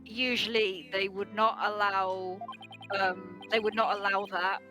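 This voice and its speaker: A woman's voice: medium pitch, little pitch movement, unhurried, music in the background. A woman chatting casually as co-host of a game playthrough. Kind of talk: casual chat.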